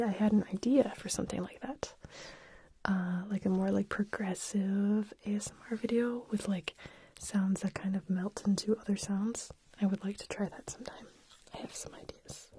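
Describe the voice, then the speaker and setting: A woman hosting an ASMR live stream, whispering softly as she reads out chat questions and answers them in a chatty way with lots of fillers. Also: medium pitch, steady tone, a little slow, background noise. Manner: chatty with frequent fillers and restarts. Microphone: ASMR microphone with wind guards.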